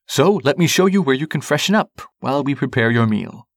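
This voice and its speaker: Gracious male maitre d' voiced by a man, booming, polite, dry close sound. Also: lively intonation, fairly quick, no echo, lightly acted. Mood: courteous. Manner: booming, courteous.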